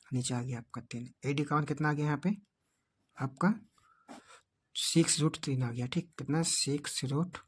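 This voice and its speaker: A man's voice: fairly high pitch, breathy edge. A man teaching a board exam math lesson, explaining each step and checking in often with the class.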